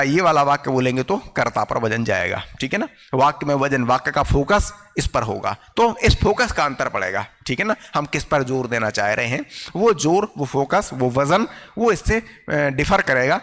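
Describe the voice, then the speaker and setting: A male teacher giving an online grammar lecture, explaining patiently, often checking whether students follow and slowing down to dictate example sentences. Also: a little high, fairly bright tone, in a large hall.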